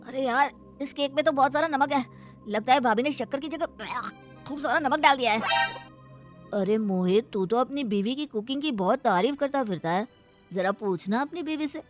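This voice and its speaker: A woman voicing a young male office friend who teases and complains loudly in a cartoon story. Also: high-pitched, normal speed, soft background music, natural voice. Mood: annoyed. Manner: teasing, loud complaining.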